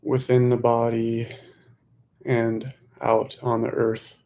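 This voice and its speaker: A man guides a meditation with gentle instructions, speaking in unhurried phrases broken by pauses. His voice is mid-range and monotone, with vocal fry.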